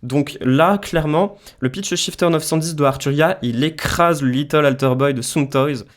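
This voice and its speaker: A man whose voice is on the high side presents a casual music production tutorial via screen share. He moves at a moderate pace, explaining things informally step by step.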